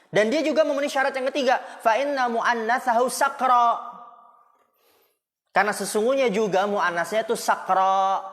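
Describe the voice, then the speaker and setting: Joking ustaz in a reverberant hall. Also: male voice, high voice, a bit bright. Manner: casual teaching, rhetorical questions, joking asides. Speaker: Islamic school teacher. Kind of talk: Arabic grammar lesson. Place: Islamic boarding school classroom.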